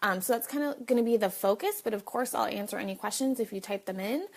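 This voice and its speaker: A woman hosts a casual livestream, chatting straight to her viewers with a slight cough. She speaks fast at a medium pitch.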